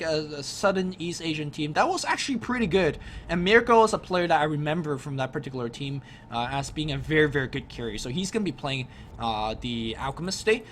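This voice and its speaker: Man, game caster, chatty and joking, slightly high voice, faint noise behind. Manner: chatty, joking, energetic, laughs easily. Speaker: esports commentator. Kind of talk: casual game commentary over a replay.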